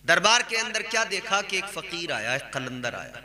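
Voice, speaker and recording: A man's voice: high-pitched, sing-song, normal speed, bright, forceful tone, long reverb tail. A man preaching a sermon and telling a story, drawing out words and repeating phrases with sing-song emphasis.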